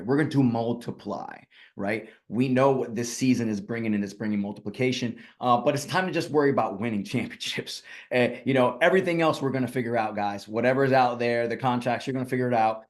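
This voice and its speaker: A man's voice: mid-range voice, fast. A man from Puerto Rico giving a rallying, conversational presentation on a video call as a guest speaker, with many fillers. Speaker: guest speaker, real estate team leader. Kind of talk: energetic motivational presentation.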